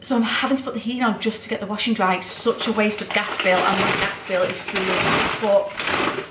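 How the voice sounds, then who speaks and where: A woman's voice: mid-range voice, fairly even intonation, fairly quick, very noisy. Tired, rambling woman in an echoey room. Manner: rambling, chatty, self-deprecating, lots of fillers. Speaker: student nurse vlogger. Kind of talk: casual chatty vlog. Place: home, indoors. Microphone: camera set down nearby.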